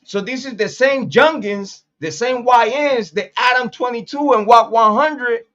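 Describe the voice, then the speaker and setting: Speaking a little slowly, a profane, blunt Puerto Rican host in his late forties runs a street commentary monologue, repeating himself to hammer points home. His slightly bright voice sits high for a man, and the audio is dull and lo-fi.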